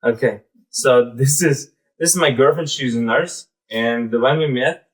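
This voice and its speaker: A startup founder in his thirties with a Belarusian accent gives an informal live presentation in a mid-range voice. He speaks haltingly and conversationally, leaning often on "like" and "basically." The recording quality is low.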